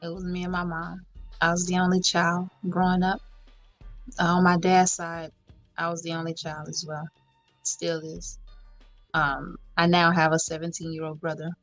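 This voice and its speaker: A woman in her thirties from Houston, a podcast guest speaking in a measured, thoughtful way with many fillers. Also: on the low side, level tone, fairly bright tone, dry recording, soft background music. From Houston, Texas, US. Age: 30s. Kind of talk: casual podcast interview. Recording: dull lo-fi recording.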